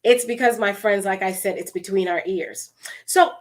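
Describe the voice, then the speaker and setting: A woman from Guyana with a Guyanese accent, giving an expressive, conversational motivational talk and calling her listeners her friends. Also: medium pitch, normal speed. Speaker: motivational speaker.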